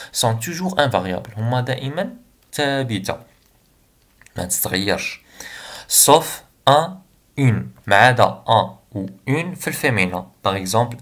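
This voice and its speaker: A man's voice: mid-range voice, vocal fry, a bit bright. Algerian man teaching French grammar. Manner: slow deliberate dictation of examples, then quick translations. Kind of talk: explaining grammar lesson, mixing French and Algerian Arabic.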